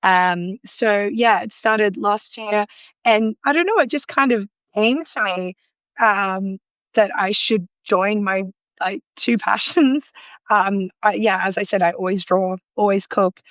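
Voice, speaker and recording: A food illustrator with an Australian accent speaks slowly as a guest on a live online interview, her mid-range voice a bit bright and her talk full of ums, likes and small laughs. She's on a remote call from an apartment in a loud city where sirens wail outside. There's no room sound, and the highs are cut off.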